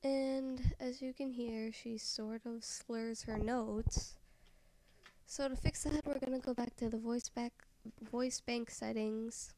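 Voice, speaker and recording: Female tutorial narrator, low-key and slow, mellow fry-edged tone, dry close sound, drifts into whispers. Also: fairly even intonation, dry recording. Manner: soft-spoken, often trailing into a whisper. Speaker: software tutorial maker. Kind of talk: screen-recorded software tutorial voice-over.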